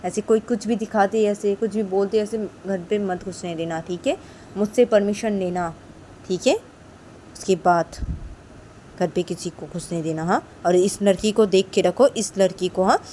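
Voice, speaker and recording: A woman voicing a stern, rich woman boss who barks loud scolding orders at her guards. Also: mid-range voice, a little slow, a little hiss or hum, natural voice. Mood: angry commanding.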